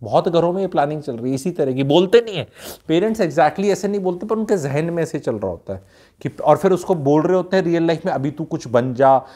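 A man's voice: a little high, expressive, quick pace, mellow. A man from Haryana giving blunt advice to young people, mixing in English phrases and asking rhetorical questions. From Haryana, India. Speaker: youth advice speaker. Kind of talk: casual advice talk.

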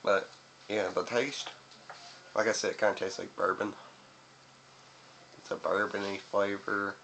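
The speaker is a young man, a video reviewer, chatting to camera with chewing tobacco in his mouth, rambling and dropping swear words. His fairly low voice is gravelly and a bit bright, delivered flatly and unhurried. He's in a small room by a window, captured in a noisy webcam-style recording.

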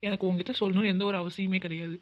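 Cartoon role: a woman playing a curt, sarcastic young boyfriend, rattling lines off very fast on dull lo-fi audio. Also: mid-range voice, level tone, close to an everyday voice. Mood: bitter. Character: young man, cold and bitter boyfriend. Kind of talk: cartoon voice acting.

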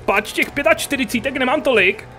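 A man's voice: very high voice, animated, bright, forceful tone, soft background music. A man giving casual, joking commentary while playing a video game, chatting to the audience and swearing at enemies. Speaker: gaming youtuber. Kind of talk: casual let's play commentary.

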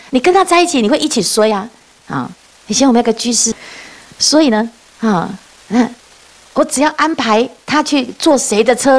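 A woman giving a dharma talk as a Buddhist nun, telling stories with frequent laughs and rhetorical questions. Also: fairly high pitch. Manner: lively storytelling, often laughing and asking rhetorical questions.

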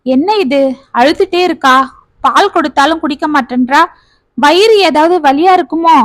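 A woman's voice: sits high, moderate pace, dry recording, natural voice. A woman voicing a proud, stubborn young mother in a spoken family story, defiant and then anxious.

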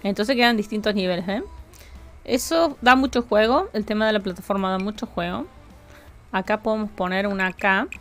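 A woman's voice: medium pitch, fairly quick, a bit bright, soft background music. A woman with a Rioplatense Spanish accent, chatting casually with her live-stream chat while building in a game, jokey and talkative.

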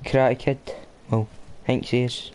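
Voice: mid-range voice, little pitch movement, a little slow, a little mellow, a little hiss or hum. A streamer with a Scottish accent, bantering casually over a game with cheeky, slangy teasing. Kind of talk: casual banter while gaming on a livestream.

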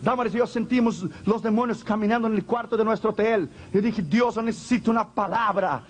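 A man's voice: sits high, fairly quick. A man preaching a fervent, emphatic sermon as pastor, repeating phrases and asking the congregation questions.

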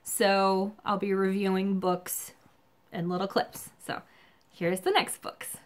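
A woman's voice: medium pitch, flat delivery, slow. Casual, chatty woman book reviewer. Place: small home room, indoors.

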